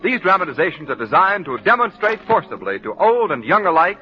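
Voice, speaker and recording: A man's voice: high-pitched, very animated, fairly quick, soft background music. An American man announcing in the emphatic style of an old radio announcer, reading introductions and sponsor copy. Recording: dull, band-limited old radio broadcast.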